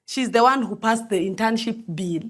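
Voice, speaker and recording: A woman's voice: on the high side, normal speed, fairly bright tone. A young woman with a Kenyan accent moderating a casual panel discussion, informal and switching between languages. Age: young adult. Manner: informal, code-switches between English and Swahili.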